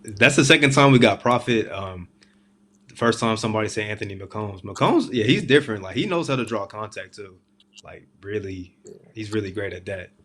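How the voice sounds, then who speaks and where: Male, low voice, casual sports interviewer, informal slangy phrasing. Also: expressive, moderate pace, a bit bright. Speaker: sports talk show host interviewing a player.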